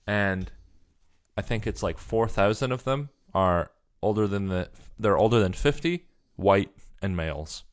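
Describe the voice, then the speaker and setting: A young man with a fairly low voice co-hosts a relaxed podcast chat. He reads out news items and drops dry, sarcastic jokes along the way. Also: a little slow. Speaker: podcast co-host.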